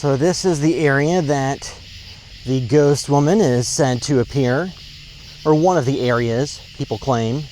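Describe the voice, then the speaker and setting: With a slightly mellow mid-range voice and a measured pace, a vlogger describes his walk through a park. The talk is casual and unplanned, hesitant and rambling but matter-of-fact, recorded outdoors with clear ambient and road noise.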